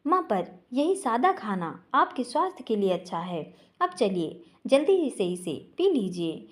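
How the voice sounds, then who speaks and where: A woman voicing a young man, a devoted son who is quick to anger but pleads earnestly with his mother. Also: fairly high pitch, big pitch swings.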